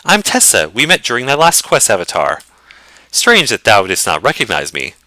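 A man's voice: lowish voice, wildly swooping pitch, normal speed, pushed and bright, no echo, voice pushed up, heavily acted. A man voicing a gracious noblewoman who runs a castle with her husband, speaking in courtly old-fashioned phrasing.

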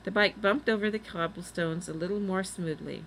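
A woman reading a children's chapter book aloud in steady, clear narration. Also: mid-range voice, normal speed, slight background noise, poor audio. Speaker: reader. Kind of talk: storybook read-aloud.

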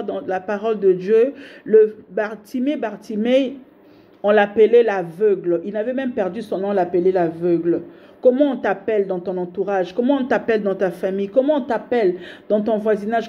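A woman preaching with fervent, rhythmic repetition. Her voice sits fairly high yet has a mellow, dark tone. The recording is a little dull and lo-fi. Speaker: prophetess preaching online. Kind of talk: sermon.

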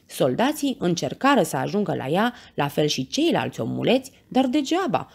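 A woman reading a children's bedtime story aloud, with expressive, animated narration. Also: low voice, gravelly, breathy edge.

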